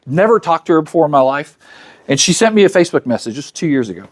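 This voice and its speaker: Man, 50s, slightly high voice, chatty motivational speaker addressing a live audience. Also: sing-song, quick pace. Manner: conversational, acts out quoted dialogue; chatty, speaks directly to the crowd. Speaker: luncheon speaker.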